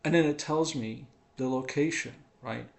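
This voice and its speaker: A man's voice: mid-range voice, moderate pace, creaky. A man in a home living room, casually telling a personal testimony, rambling and checking in with "right?" and "okay?".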